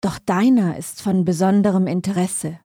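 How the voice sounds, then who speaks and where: A woman voicing an ancient, sinister male stranger in an audio story, speaking slowly and with mockery. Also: lowish voice, steady tone, mellow, slightly rough, no room sound, clean studio sound. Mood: slow menace. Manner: slow, mocking, drawn-out words.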